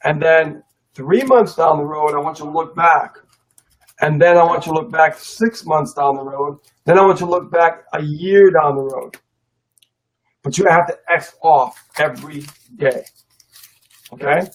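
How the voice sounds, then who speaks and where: A man's voice: a little high, normal speed, recorded from a distance, rough recording. A man co-hosting a live online business webinar, coaching listeners in a casual, emphatic motivational way and repeating his key points.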